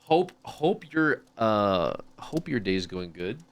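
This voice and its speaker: A man's voice: on the low side, sing-song, slow pace. A man chatting casually as he livestreams a game. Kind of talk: casual game stream chat.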